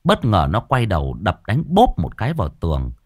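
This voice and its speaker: Man, ghost story narration, very lively pitch, dry close sound. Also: fairly quick, no echo. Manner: dramatic, expressive storytelling.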